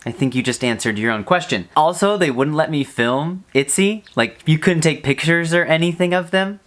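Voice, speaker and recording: A vlogger chatting casually to camera in an animated, exasperated way, often throwing out rhetorical questions. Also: medium pitch, normal speed.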